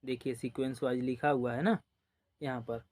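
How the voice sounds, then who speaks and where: A man of medium pitch with a darkish tone and fairly even intonation gives a slow, step-by-step classroom lesson on the number system. He is patient, says numbers more than once, counts in a drawn-out way, and frequently uses "dekhiye" and "ok."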